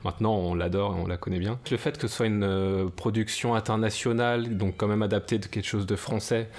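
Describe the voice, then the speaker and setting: A man's voice: fairly low pitch, fairly even intonation, a little fast, darkish tone. A man talking casually on a podcast, thoughtful and hesitant with many fillers. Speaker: podcast co-host. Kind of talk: casual discussion.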